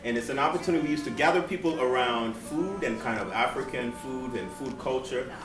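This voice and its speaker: Relaxed man from Seattle, roomy venue. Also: medium pitch, a little fast. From Seattle, USA. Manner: relaxed and earnest, many "um" fillers. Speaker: guest, board member of a nonprofit. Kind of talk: live on-stage interview. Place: event venue with live audience. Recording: echoey venue, distant mic, music behind.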